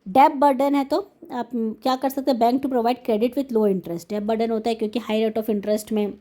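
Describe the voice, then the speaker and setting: A woman teacher running through exam questions, reading the English slowly and explaining in Hindi mixed with English, often checking in with her students. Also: on the high side, steady tone, mellow. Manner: checks in with "है ना?" and "okay". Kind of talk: exam-prep lesson.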